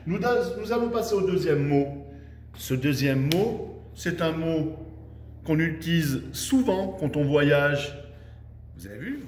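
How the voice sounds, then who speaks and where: Man, schoolteacher, lively storytelling delivery, slow syllable-by-syllable speech, echoey distant recording. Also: on the high side. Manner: animated storytelling tone, personifying letters. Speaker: primary school teacher. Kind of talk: online dictation lesson for children. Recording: echoey room, voice from afar, faint noise.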